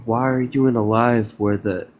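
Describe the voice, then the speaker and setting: A man in his twenties calling into a live stream for a casual debate, talking in a dry, deliberate, measured way. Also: mid-range voice, fairly even intonation, slight background noise. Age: 20s. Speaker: guest caller on a live stream.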